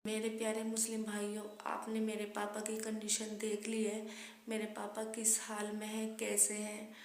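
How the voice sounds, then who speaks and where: Flat-voiced woman making a pleading appeal. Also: mid-range voice. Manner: earnest, pleading. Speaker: vlogger appealing for help. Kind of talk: monotone direct-to-camera appeal. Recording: echoey room.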